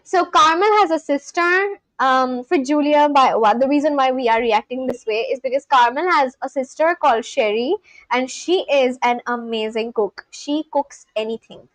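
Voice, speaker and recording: A woman with an Indian accent hosts a live stream, chatting loosely and warmly with viewers, speaking straight to chat and laughing often between remarks. Her voice is high and bright at a moderate pace, and the poor-quality audio is dry and close with no room sound.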